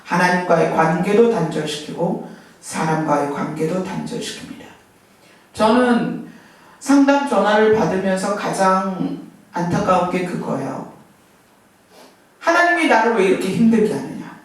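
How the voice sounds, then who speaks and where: A woman delivers an animated sermon, pressing her listeners with rhetorical questions. She sounds middle-aged and is picked up from some distance away. Her voice rings through a strongly echoing church hall. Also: medium pitch, normal speed. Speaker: preacher. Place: church sanctuary. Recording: echoey hall, mic from far off.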